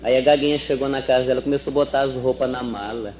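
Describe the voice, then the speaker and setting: A man's voice: mid-range voice, fairly even intonation, fast, darkish tone. A man telling folksy jokes in colloquial speech at a live stage show. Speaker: comedian. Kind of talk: stand-up joke telling.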